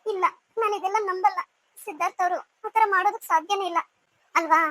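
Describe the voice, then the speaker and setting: A woman's voice: very high-pitched, a little fast, a bit bright, dry recording. A woman voicing a devoted young wife in a cartoon serial, speaking in an earnest, pleading way. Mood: distressed.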